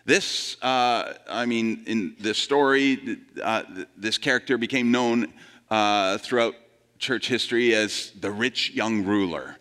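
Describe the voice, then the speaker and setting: A man's voice: slow pace, bright, forceful tone. A man preaching a sermon in a conversational way, quizzing the congregation and acting out quoted voices. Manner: conversational, asks the congregation questions; plays out quoted voices with big shifts in pitch. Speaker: pastor.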